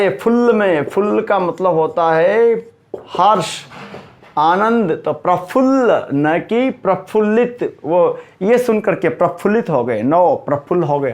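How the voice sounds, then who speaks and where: Slow, emphatic high-voiced male teacher. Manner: emphatic, repeats correct word forms slowly; addresses students directly, asks and answers himself. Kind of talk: spoken Hindi grammar lesson.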